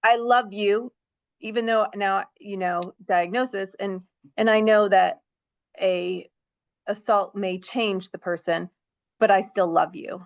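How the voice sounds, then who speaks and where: Gravelly-voiced woman host, parent, heartfelt and halting, dry lo-fi call sound. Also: medium pitch, fairly even intonation, no echo. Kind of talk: casual discussion. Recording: dull dry lo-fi call audio.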